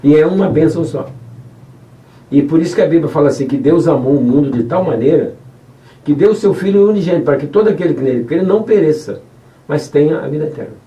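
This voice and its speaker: Man, Brazilian Portuguese accent, radio preacher, lively storytelling, mellow tone, echoey distant sound. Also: on the high side, quick pace. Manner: animated, acts out voices, asks listeners. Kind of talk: storytelling sermon. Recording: roomy, distant mic.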